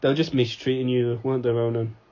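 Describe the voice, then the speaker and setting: A young man in casual podcast chat, sarcastic and ribbing, often breaking into laughter. His voice sits at a middle pitch, and the recording is dull and lo-fi. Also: level tone, fast talker, dark tone. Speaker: podcast co-host.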